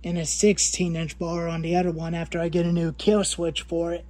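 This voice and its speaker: Fairly quick and monotone, a woman in her twenties with a dark, fairly low voice rambles through saw parts for her chainsaw hobby vlog. She lists items and keeps repeating herself, in a cluttered garage.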